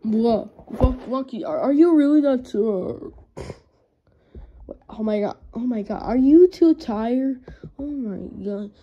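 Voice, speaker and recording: A woman's voice: on the high side, expressive, slow pace, slightly rough, dull audio. A woman improvising a fan story and voicing several characters. She talks hesitantly and often drops into a whisper. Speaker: plush toy video performer.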